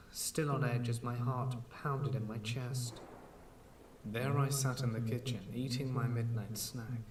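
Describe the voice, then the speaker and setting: Slow-spoken man narrating a horror story. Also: mid-range voice, darkish tone. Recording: echoey room, distant mic, faint hiss.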